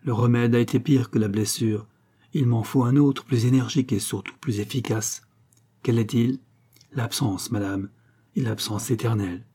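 A man reading the part of an anguished, lovesick young gentleman in an audiobook. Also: medium pitch, steady tone, moderate pace, breathy edge, lightly acted. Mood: solemn. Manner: solemn and emotional. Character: young gentleman in love, anguished, stiffly polite.

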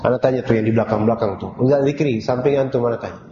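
A man teaching an informal Quran class, quizzing and gently teasing his students, with Arabic phrases woven into casual talk. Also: mid-range voice, racing. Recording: echoey hall, dull lo-fi, audible room noise.

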